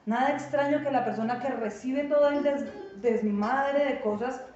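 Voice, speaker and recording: A woman's voice: sits high, normal speed, a little mellow. A woman pastor, giving an earnest, emphatic sermon and acting out quoted voices. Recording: distant, echoey, dull church sound with guitar.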